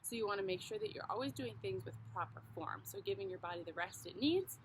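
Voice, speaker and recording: A female fitness instructor with a mid-range voice and lively intonation leads a home workout, talking fast as she calls out the moves and cheers people on in an encouraging, coaching way. The room is echoey, with guitar music and background noise.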